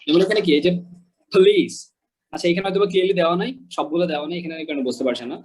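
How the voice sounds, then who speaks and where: A man's voice: a little high, racing, darkish tone, slightly rough, rough recording. A man from Bangladesh teaching English pronunciation in an online lesson, explaining patiently, repeating example words and checking that listeners follow.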